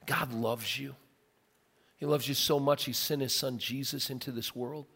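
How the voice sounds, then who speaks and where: A middle-aged man, a pastor, preaching a casual, earnest sermon and telling stories, now and then breaking into loud bursts. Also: mid-range voice, steady tone, fairly quick. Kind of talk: conversational sermon. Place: large church auditorium. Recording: long hall reverb from a big sanctuary.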